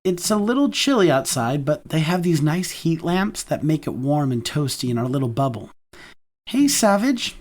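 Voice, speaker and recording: A man narrating a first-person romance audiobook in a warm, conversational manner. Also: fairly high pitch, expressive, moderate pace, few pauses.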